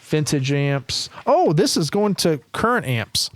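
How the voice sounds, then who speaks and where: A man's voice: fairly high pitch, sing-song, measured pace. A man who repairs guitar amplifiers, chatting as a podcast guest, explaining technical details with lots of fillers and restarts. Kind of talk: casual technical chat.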